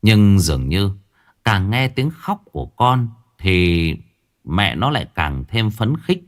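A man narrating a horror story in a dramatic, expressive storytelling manner. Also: fairly low pitch, slow.

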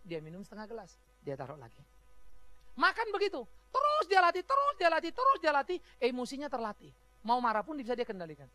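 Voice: medium pitch, bright, forceful tone. A pastor preaching a sermon in a chatty, humorous way, often laughing while talking. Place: church.

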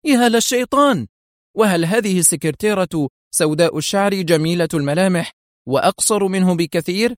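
A man voicing a menacing elderly male spymaster who shouts threats through clenched teeth. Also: medium pitch, moderate pace, dry recording, clean studio sound, close to an everyday voice. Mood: furious.

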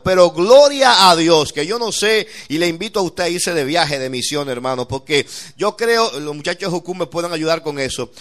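A man's voice: high-pitched, fairly bright tone. A middle-aged man with a Dominican accent, preaching a fervent sermon as a pastor and often calling his listeners brother. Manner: fervent testimony, often calls listeners "hermano".

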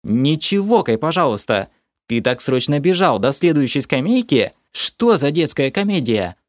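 A man's voice: a little high, very animated, normal speed, dry recording, clean studio sound, pitched above the performer's own voice. A man voicing an irritated, fussy young woman who lectures in a prim way.

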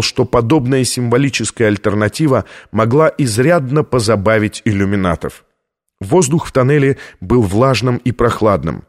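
A man narrates an audiobook with a tense, dramatic delivery. His voice sits in a middle pitch, steady and clear in its reading. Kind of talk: scripted narration.

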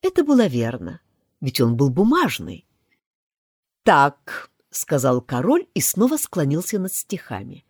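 Animated woman reading a storybook. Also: normal speed, breathy edge, no room sound, clean studio sound. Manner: highly expressive, animated. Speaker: audiobook narrator. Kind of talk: expressive storybook narration.

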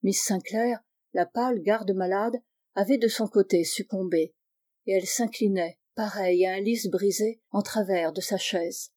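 Audiobook narrator, woman, steady and even, mellow. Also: mid-range voice, normal speed. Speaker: audiobook reader. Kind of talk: scripted narration.

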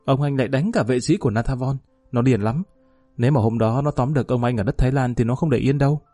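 A nervous, fawning gangster underling pleads in a raised, eager voice, as a male narrator puts him on. The tone stays mellow and dry, with faint music behind this audio story. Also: medium pitch, quick pace, husky, dry recording, close to an everyday voice. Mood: pleading.

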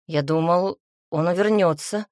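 A woman reading an audiobook, voicing a hot-tempered young male warrior hero who talks bluntly and loudly in a lowered voice. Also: a little slow, no room sound, studio quality, close to an everyday voice. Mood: flustered.

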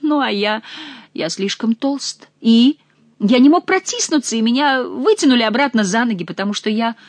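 A woman's voice: a little high, expressive, moderate pace, no echo. A fat, cowardly male monk pleads and wails in a raised, strained voice, as a woman reading a storybook puts him on. The recording is dry and close. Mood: pleading. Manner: wailing, pleading.

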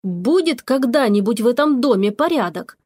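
Slightly high, animated, and a little mellow, a woman's voice brings to life a stern witch running the household in a storybook reading. She scolds and gives orders at a moderate pace. The recording has no echo.

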